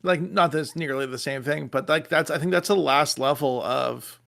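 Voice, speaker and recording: A man co-hosting a podcast, talking in an animated, excitable way and swearing freely. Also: fairly high pitch, moderate pace, gravelly. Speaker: podcast co-host. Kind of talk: casual chat.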